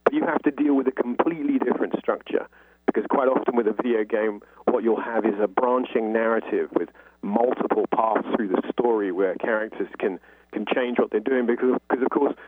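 A man with a lowish, husky voice talks at length as an interview guest, explaining things in a chatty, conversational way and saying "you know" often. The recording has no echo and comes through a thin, phone-like line.

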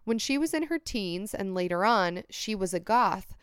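A woman with a very clear, smooth voice talks as a hungover podcast co-host. She chats casually and reads out listener emails, recorded close and dry. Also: mid-range voice, lively intonation, normal speed, no echo. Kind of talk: casual chat, reading listener emails aloud.

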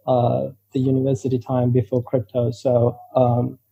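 A man's voice: medium pitch, completely flat delivery, moderate pace, gravelly, slightly rough, no room sound. A man from Sri Lanka, a guest in an interview, speaking hesitantly with many fillers. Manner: hesitant, many ums and likes. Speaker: guest, crypto company co-founder. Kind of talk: casual interview answers. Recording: dull, muffled call audio.

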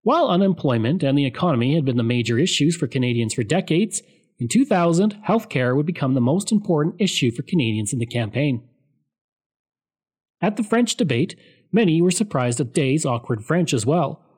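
Man narrating political history, higher voice. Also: brisk, breathy edge. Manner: steady, explanatory delivery. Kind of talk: scripted narration.

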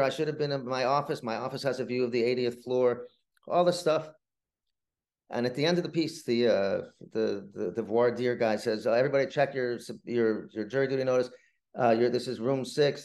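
A middle-aged man who writes plays is interviewed, and his storytelling comes out conversational, halting and rambling, with frequent word repetition. His pitch is medium.

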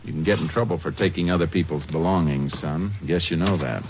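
In a low voice with brisk, lightly acted delivery, a male actor plays a stern, seasoned Texas Ranger, fatherly but firm and plain-spoken in 1950s radio western style. His manner is folksy, firm and questioning, and the 1950s radio recording is muffled and noisy.

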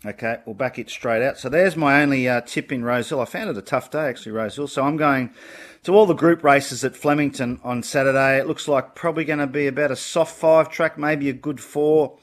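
A man's voice: mid-range voice, a little fast. An Australian man, a horse racing tipster, talking casually and confidently through his picks in a blokey, opinionated way. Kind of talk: casual racing tips on a panel show.

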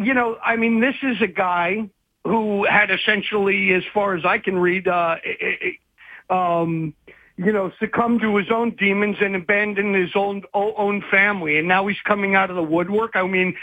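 A man with a fairly high voice rambles through a phone interview, stopping and restarting his thoughts as he goes. The sound is tinny and narrow like a phone line, and completely dry. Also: no room sound. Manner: rambling and hesitant, many restarts. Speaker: guest investigative journalist.

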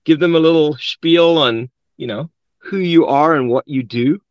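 A man's voice: on the high side, measured pace, no echo, muffled recording. A man hosting a podcast interview in a chatty, upbeat way. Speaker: podcast host.

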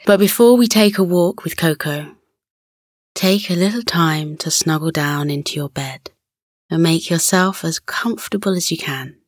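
A woman narrating a children's sleep story in a gentle, soothing, unhurried way, as the host of a scripted bedtime podcast. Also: deep voice, no echo, clean studio sound. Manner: soothing, gentle, unhurried guided-relaxation delivery.

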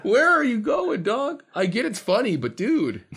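A man's voice: very high-pitched, wildly swooping pitch, unhurried, a bit bright, husky. A man chatting casually about skateboard clips with friends, in a slangy, sweary frat-bro way. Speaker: panelist commenting on skate videos. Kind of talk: casual group chat reacting to skateboard clips.

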